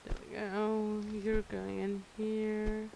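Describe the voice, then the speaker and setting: A woman's voice: medium pitch, completely flat delivery, slow, creaky, background noise. A woman playing a cooking game, talking to herself as she works and swearing at impatient customers in a playful way. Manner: playful, talks to herself while working. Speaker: gamer playing a cooking simulation. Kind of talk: casual gameplay commentary.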